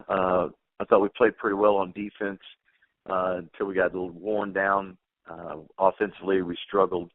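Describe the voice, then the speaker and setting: Deep-voiced coach on a tinny phone line, plainspoken, restarts a lot. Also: male voice, dry recording. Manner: plainspoken, repeats words and restarts. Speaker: head football coach. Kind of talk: teleconference Q&A.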